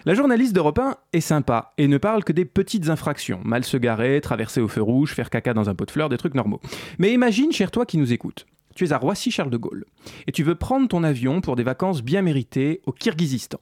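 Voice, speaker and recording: Animated, ironic male host. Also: a little high, a little fast, no echo, studio quality. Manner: ironic, animated, addresses the listener directly. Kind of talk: sarcastic commentary video essay.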